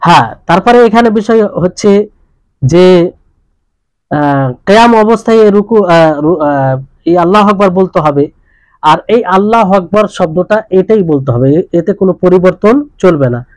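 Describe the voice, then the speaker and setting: A man's voice: high-pitched, animated, a little slow, long pauses, dry recording, rough recording. A male preacher giving a religious lesson who keeps asking his listeners questions and repeating the key points. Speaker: Islamic preacher.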